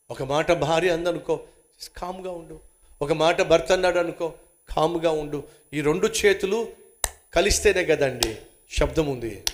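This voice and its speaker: Male preacher, sermon delivery, high and very animated pitch, fires rhetorical questions and answers them himself. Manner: emphatic, swings from loud exclamations to hushed, intimate asides.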